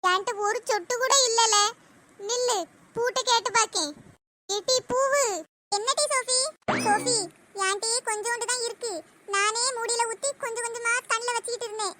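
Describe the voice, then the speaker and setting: Squeaky, cheeky cartoon schoolchild, southern Tamil. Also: female voice, steady tone, normal speed, pushed and bright. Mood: sleepy, whispering plans. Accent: southern Tamil Nadu Tamil. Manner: childlike, informal. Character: cheeky, chatty village schoolchildren. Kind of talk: comedy skit voice acting.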